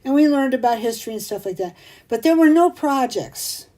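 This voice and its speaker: A middle-aged woman hosting a craft show, talking in a chatty, rambling way that turns excitable. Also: sits high, fairly quick, low-quality recording. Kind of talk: casual chat.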